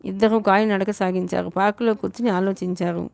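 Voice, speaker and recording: A woman's voice: medium pitch, fairly quick, vocal fry, clear, resonant tone, dry recording. A woman narrating a novel as an audiobook, reading evenly and often correcting herself. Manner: even storytelling with frequent self-corrections. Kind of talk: novel read aloud.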